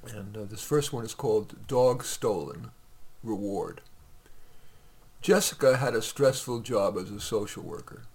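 A man's voice: fairly low pitch, unhurried, slightly rough. A man reading his own short stories aloud on a podcast, in a conversational way with occasional fillers.

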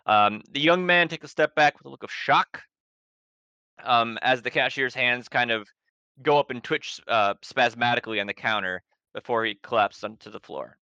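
Bright-voiced male game master. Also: medium pitch, moderate pace, smooth, no echo, dull audio. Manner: casual, rambling narration. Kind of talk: narrating a tabletop horror game.

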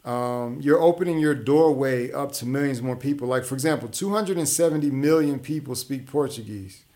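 Speaking at a moderate pace in a mid-range, somewhat mellow voice, a show host talks his ideas through in a relaxed solo monologue. He explains things conversationally, often restarting and leaning on fillers.

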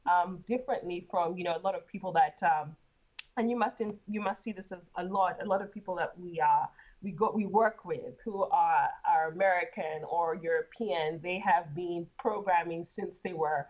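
A woman's voice: fairly low pitch, moderate pace, phone-quality sound. A woman from Uganda, a guest in an interview, talking casually and laughing often, with frequent repeated words.

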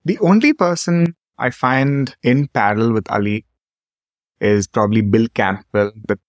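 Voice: medium pitch, a little slow, dry recording, clean studio sound. An interviewer who asks probing questions and affirms the guest's answers. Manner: inquisitive, affirming. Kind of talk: conversational interview.

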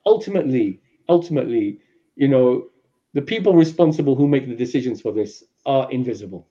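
A man with a London accent explaining a religious principle on a podcast in lecture style, with animated asides. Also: medium pitch, lo-fi sound. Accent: London English. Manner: animated, acts out voices in his examples, fast asides. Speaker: Islamic speaker, podcast guest.

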